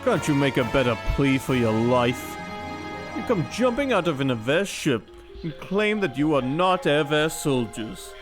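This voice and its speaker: A man's voice: on the high side, very animated, measured pace. A man voicing a contemptuous mech soldier villain from a video game in a theatrical, taunting snake voice. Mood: scornful. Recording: loud game music behind.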